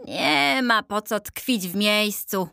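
A wry, chatty old gentleman statue in a storybook, put on by a woman reader, a touch higher than the narration. He speaks slowly, in a close, dry sound. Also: creaky, smooth, no echo, full character voice.

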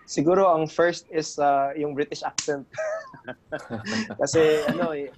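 A man from Cagayan de Oro with a Filipino accent, a nurse talking as a guest, halting with restarts as he mixes Tagalog and English. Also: fairly high pitch, noisy background. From Cagayan de Oro, Philippines. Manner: hesitant, many restarts and fillers. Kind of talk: casual interview.

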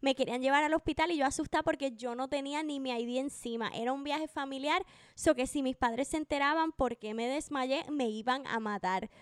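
A woman co-hosting a casual podcast, chatty and quick to finish her partner's sentences. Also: high voice, no echo, studio quality. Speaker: podcast co-host. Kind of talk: casual chat.

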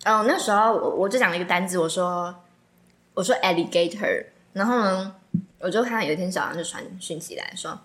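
A young woman with a Taiwanese Mandarin accent, co-hosting a casual late-night chat podcast and telling stories in an animated, teasing way. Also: lowish voice, a little fast. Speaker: podcast co-host.

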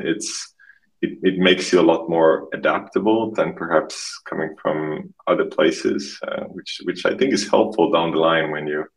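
Deep, flat-voiced man from Estonia. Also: rough recording. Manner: halting, restarts and repeats words often. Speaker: podcast guest, marketing expert. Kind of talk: casual interview conversation.

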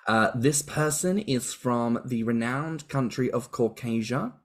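A chatty man co-hosting a podcast in a musing, rambling way. His voice sits at an ordinary middle pitch, and he drifts into playful asides. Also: a little slow, a little hiss or hum. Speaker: podcast co-host. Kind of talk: casual chat.

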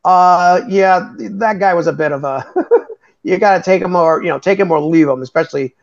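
A man talking casually on a movie review podcast, hesitant and measured, with many fillers between his thoughts. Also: high-pitched, dull audio. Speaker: podcast co-host.

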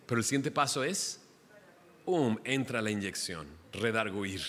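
A man preaching a sermon to a congregation, animated and joking with the listeners. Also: mid-range voice. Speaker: pastor. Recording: long hall reverb.

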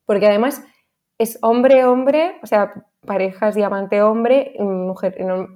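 A woman's voice: medium pitch, unhurried, warm tone. A woman co-hosting a casual podcast, enthusiastic and reflective, who says she rarely uses Spanish day to day. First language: not Spanish-dominant, rarely speaks Spanish. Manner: enthusiastic, reflective, laughs often. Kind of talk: casual chat.

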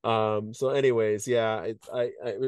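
Low-voiced chatty male podcast host. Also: fairly even intonation, unhurried, darkish tone, smooth, no echo. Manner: chatty, self-mocking, laughs at his own stories. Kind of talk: casual interview chat.

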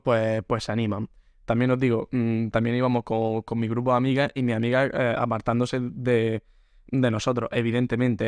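A young man hosting a podcast, telling a comic story in an animated way, acting out quotes and often restarting. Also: medium pitch, dry recording. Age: young adult. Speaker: podcast host. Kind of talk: comedic storytelling monologue.

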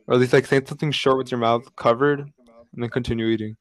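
A man's voice: medium pitch, quick pace, dry recording, low-quality recording. Young man rambling through a story. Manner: storytelling, animated with lots of fillers. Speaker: podcast co-host. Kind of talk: casual chat.

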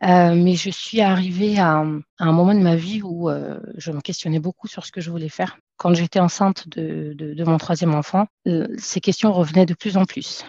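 A French woman in her thirties, appearing as a podcast guest, chats hesitantly in a casual interview, full of fillers and restarts. Her voice is lowish and dark, with fairly even intonation, a normal pace and hardly any pauses. The recording is dry, dull and lo-fi.

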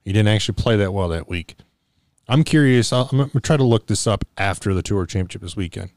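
A man's voice: on the low side, animated, fast, a little mellow, no room sound, clean studio sound. A man co-hosting a casual sports chat, blunt and opinionated. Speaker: podcast co-host.

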